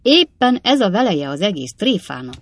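A reader voicing a boisterous, reckless young male apothecary in an audiobook, loud and excitable. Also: mid-range voice, dry recording, voice pushed up. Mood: gleeful. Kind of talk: audiobook character voice.

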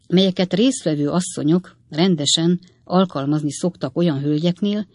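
An audiobook narrator reads a classic novel in a measured storytelling way. The recording is dry and close, with no room sound. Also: mid-range voice, dry recording.

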